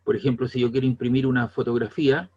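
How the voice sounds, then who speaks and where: A man's voice: mid-range voice, flat delivery, quick pace, a little mellow, breathy edge. Chilean guy teaching a class, keeps asking if everyone gets it, mid voice, kinda muffled lo-fi audio. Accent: Chilean Spanish. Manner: conversational, keeps checking with the class. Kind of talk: classroom lecture.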